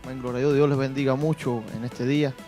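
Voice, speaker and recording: A man's voice: medium pitch, flat delivery, fast talker, warm tone, faint music behind. A man from Cuba, a church guitarist answering interview questions in a devout manner. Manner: devout, peppers speech with "amén" and "para la gloria del Señor".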